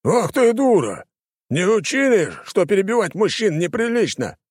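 A man's voice: high-pitched, expressive, moderate pace, a little mellow, husky, dry recording, studio quality, pitched above the performer's own voice, full character voice. A man voicing an arrogant, hot-headed baron in an audiobook, blustering and indignant. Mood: enraged. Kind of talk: audiobook character voice.

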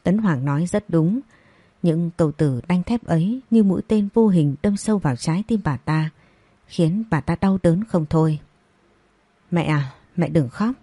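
Low, husky woman narrating a story. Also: moderate pace, no echo. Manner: steady storytelling read. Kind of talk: scripted audio-story narration.

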